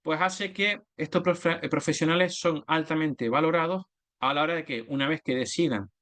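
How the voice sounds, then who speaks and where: Spanish man presenting, a touch high. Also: moderate pace, a bit bright. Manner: methodical, lists points, self-corrects mid-word. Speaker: oil and gas business development manager giving a talk. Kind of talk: explanatory slide presentation.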